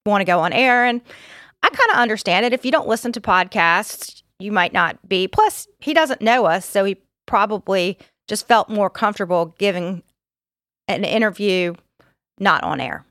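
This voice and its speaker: A woman's voice: mid-range voice, lively intonation, a bit bright, dry recording, clean studio sound. Earnest woman co-hosting a podcast. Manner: earnest, quick to explain herself. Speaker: podcast co-host. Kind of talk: casual podcast chat.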